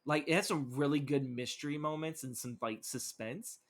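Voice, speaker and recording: A man's voice: a little high, normal speed. Rambling, cursing young man chatting. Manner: rambling, profane, lots of fillers. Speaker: podcast co-host. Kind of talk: casual chat.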